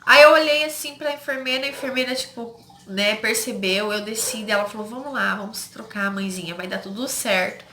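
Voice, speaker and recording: Bright-voiced Brazilian woman telling a story. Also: fairly high pitch, fairly quick. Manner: emotional, addresses viewers as "gente", quotes others. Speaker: vlogger. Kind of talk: personal story told to viewers. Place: home. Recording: echoey home room with faint noise.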